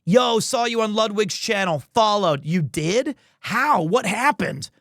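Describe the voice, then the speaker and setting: A man's voice: sits high, animated, measured pace, fairly bright tone, no echo, clean studio sound. A man hosting a livestream, chatting casually with viewers in a rambling, playful way. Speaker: livestream host, amateur voice actor. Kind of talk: casual chat with stream viewers.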